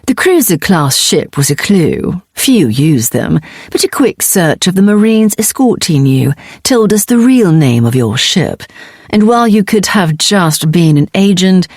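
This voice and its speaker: Brief: woman reading a ruthless mercenary woman, casual and sarcastic, low and unhurried, sci-fi audiobook. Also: a little mellow, husky, dry recording, studio quality, full character voice. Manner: conversational, sarcastic menace.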